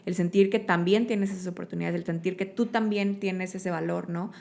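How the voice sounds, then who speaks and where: Telling stories as an interview guest, this woman from Monterrey, Mexico, speaks with a Mexican Spanish accent. Her voice sits low with a darkish tone and vocal fry, her intonation stays fairly even, and her pace is fairly quick. She's expressive and full of fillers and tag questions.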